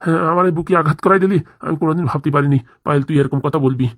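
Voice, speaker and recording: A rustic old cartoon grandfather, grumbling and self-pitying, who stammers through his complaints at a rapid clip. He sounds mid-pitched, and the recording is dry and close. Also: fairly bright tone, no echo. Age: older. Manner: stammering, rustic village speech. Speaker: cartoon voice actor. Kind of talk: cartoon comedy dub.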